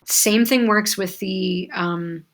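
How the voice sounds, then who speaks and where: A woman's voice: mid-range voice, takes it slowly, gravelly. A middle-aged woman clinical supervisor giving a conversational training lecture, with frequent fillers and asides.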